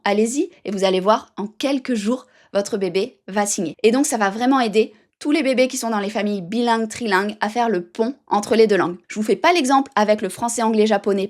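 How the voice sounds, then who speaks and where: Bubbly woman, slightly high voice, emphatic tutorial on baby signs, talks right to you. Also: a little mellow. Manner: upbeat and emphatic, addresses viewer directly. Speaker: baby sign language educator. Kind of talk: direct-to-camera tutorial.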